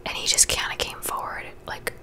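At a normal pace, a twenty-something woman whispers friendly gossip for an ASMR video, her voice bright and forceful. She sits in a small bedroom, lips near a large studio microphone, keeping it chatty and conversational.

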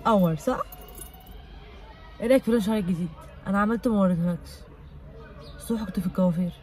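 A young woman with an Egyptian Arabic accent, chatting fast and teasingly while pranking her husband on the street. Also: mid-range voice. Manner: fast, teasing, stubbornly calm. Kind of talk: casual prank vlog chat. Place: outdoors on a street.

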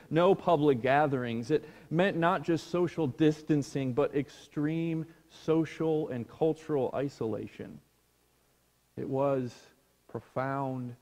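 Slow, hushed male pastor preaching. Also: on the high side, big-room sound. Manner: slow, hushed, dropping to near whispers on key words. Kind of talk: sermon. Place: church sanctuary.

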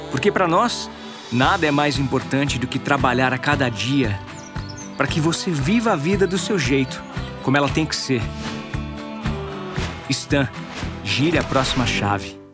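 Brazilian man narrating an ad over guitar. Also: on the high side. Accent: Brazilian Portuguese. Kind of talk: scripted ad voice-over.

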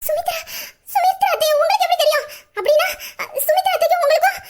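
Brief: a woman voicing an earnest young woman on the verge of tears, very high and fast, pleading, sobs breaking through. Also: steady tone. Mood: shocked. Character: young woman, earnest, torn and tearful bride-to-be. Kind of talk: Tamil audio drama acting.

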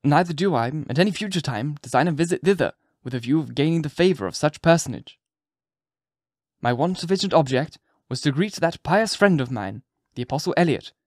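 A man's voice: fairly high pitch, lively intonation, fairly quick, darkish tone, no room sound, clean studio sound. A man voicing a tormented clergyman who speaks in a solemn, formal way. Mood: grave, formal. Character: tormented, anguished male clergyman, grave and formal.

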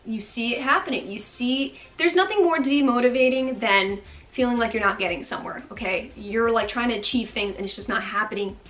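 A young woman talks straight to the camera from a bright bedroom, her voice sitting a touch high and full of energy. She coaxes and encourages like a friendly fitness coach, peppering her tips with quick check-ins. Faint music plays softly under her talk. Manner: energetic, chatty, coaxing with frequent "okay?" and big hand gestures. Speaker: fitness vlogger. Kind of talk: upbeat motivational talk to camera.

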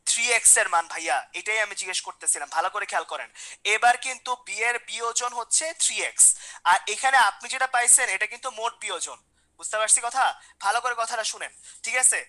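Fast, bright-voiced woman chemistry teacher. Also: mid-range voice, poor audio. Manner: repeats questions, coaxes students by name. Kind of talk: online class lecture.

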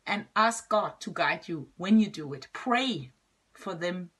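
Husky soft-spoken woman. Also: lowish voice, expressive, a little slow. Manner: gentle, plain storytelling with soft trailing endings. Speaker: schoolteacher and guest speaker. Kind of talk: short personal testimony.

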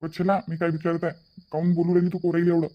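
A man voicing a middle-aged father in a cartoon, steady and reasoning. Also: on the high side, fast, highs cut off, close to an everyday voice. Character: calm middle-aged father, firm head of house. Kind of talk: cartoon voice acting.

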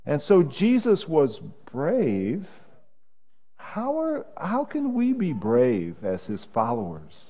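Lively-voiced pastor with a mellow tone. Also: male voice, on the high side, lo-fi sound. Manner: gentle, halting with many fillers. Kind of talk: children's message and prayer. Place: church sanctuary.

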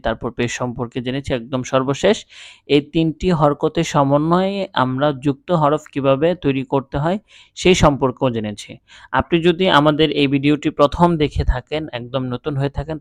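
A man teaching how to read the Quran, speaking patiently and spelling out each letter slowly, then repeating it. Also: medium pitch, dry recording. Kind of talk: step-by-step recitation lesson.

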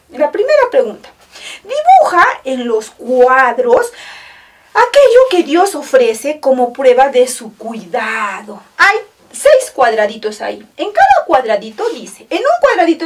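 Animated sing-song woman teacher. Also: high-pitched, recorded from a distance. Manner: sing-song, exaggerated and encouraging, with many diminutives. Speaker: kindergarten teacher. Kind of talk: storytelling lesson for young children.

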